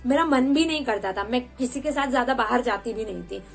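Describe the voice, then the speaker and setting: A woman's voice: fairly high pitch, expressive, a little fast, vocal fry, faint music behind, poor audio. A woman in her twenties telling a personal story in a candid, chatty way, with English words mixed into her talk. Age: 20s. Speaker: vlogger.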